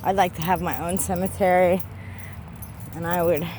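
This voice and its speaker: A woman's voice: fairly low pitch, little pitch movement, moderate pace, a little mellow, a little hiss or hum. A woman vlogging while walking through a cemetery, ranting heatedly and swearing a lot. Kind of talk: casual walking vlog. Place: outdoors in a cemetery.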